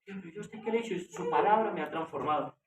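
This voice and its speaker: A Colombian man preaching a passionate sermon as pastor, rising to loud emotional peaks. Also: on the high side, racing. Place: small house meeting room. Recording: echoey room, far from the mic, noisy.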